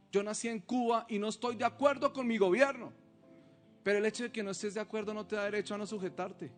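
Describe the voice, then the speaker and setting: Pastor guy w a high voice preaching, reads scripture, asks the crowd questions, soft music behind. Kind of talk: sermon.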